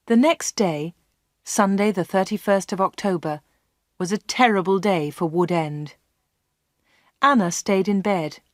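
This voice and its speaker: A woman's voice: on the low side, no room sound. Woman reading a story aloud. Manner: clear, steady storytelling. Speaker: audiobook reader.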